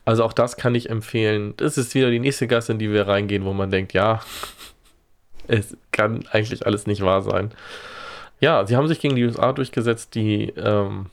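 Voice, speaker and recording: Low-pitched man, gravelly tone, wry exasperated casual chat. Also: steady tone, normal speed. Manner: wry, exasperated, gallows humor.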